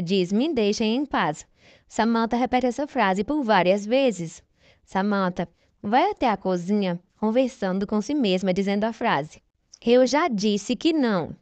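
A woman narrates a soap opera recap at a middle pitch in a steady, measured read. She voices the characters' quoted lines in her own voice. The sound is dry and close, with no room around it. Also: no room sound. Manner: even, measured reading, quoting characters in the same voice. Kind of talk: scripted narration.

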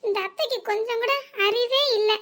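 A crafty young daughter-in-law in a village cartoon comedy, speaking with a southern Tamil accent. She coaxes and fakes concern in a pleading tone. Her voice is pitched extremely high. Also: steady tone, brisk, a bit bright. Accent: southern Tamil, Tirunelveli area. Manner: wheedling, fake-pleading.

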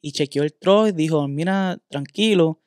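A man's voice: fairly high pitch, moderate pace, a little mellow, no room sound, studio quality. Man telling a candid story. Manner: candid storytelling, mixes in English words. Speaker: podcast host.

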